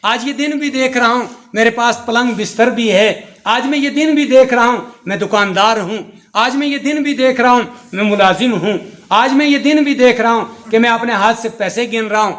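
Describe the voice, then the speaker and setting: A man's voice: very high voice, few pauses, a bit bright. A middle-aged man giving a religious sermon as a mufti, preaching in rhythmic, repetitive lists.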